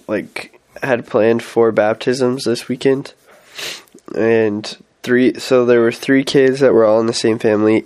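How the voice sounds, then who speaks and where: In his casual weekly update vlog, a young adult missionary nursing a head cold rambles with plenty of fillers and restarts. His mid-range voice sounds darkish, clear and resonant.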